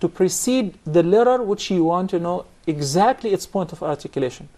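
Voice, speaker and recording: A man's voice: sits high, lively intonation, moderate pace, dark tone. A man teaching a Quran recitation class, explaining points patiently and quizzing his students. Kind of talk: classroom instruction.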